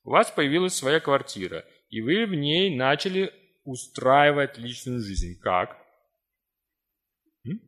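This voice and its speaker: A man's voice: medium pitch, big pitch swings, slow pace, a bit bright. A man in his forties giving a live seminar talk, answering notes from the audience in a teasing, ironic, conversational way. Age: 40s.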